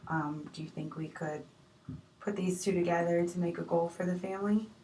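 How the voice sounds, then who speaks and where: A woman playing a patient marriage counselor in a role-play, speaking gently with many fillers. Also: fairly low pitch, steady tone, moderate pace, natural voice. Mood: probing. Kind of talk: amateur improvised role-play. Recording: echoey room, distant mic, faint noise.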